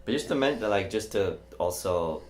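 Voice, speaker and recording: A man's voice: on the low side, animated, moderate pace. A man co-hosting a casual podcast, laughing often and talking with hesitant fillers. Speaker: podcast co-host.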